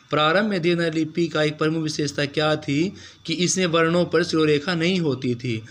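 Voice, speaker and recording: A male teacher works through exam questions with a voice pitched a little high for a man. He asks each question, answers it himself, then repeats the answer. He keeps speaking directly to his students. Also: fairly bright tone. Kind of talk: exam-prep lecture.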